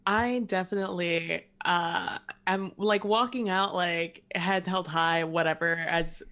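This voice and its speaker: A woman's voice: lowish voice, fairly even intonation, takes it slowly, a bit bright. Woman player, casual rambling narration. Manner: rambling, frequent "like". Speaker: tabletop game player. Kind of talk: casual first-person in-game narration.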